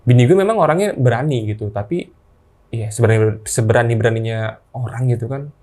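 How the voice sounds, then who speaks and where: A man's voice: mid-range voice, warm tone. Man telling a spooky tale. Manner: halting, unhurried, with slangy asides. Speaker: guest storyteller. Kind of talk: casual ghost-story telling.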